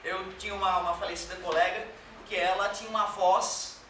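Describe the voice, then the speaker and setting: A man's voice: sits high, fairly even intonation, brisk, background noise. A man teaching a classroom lecture in a joking, colloquial way, dropping swear words and acting out quoted voices. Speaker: physics teacher. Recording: very echoey room, mic far off.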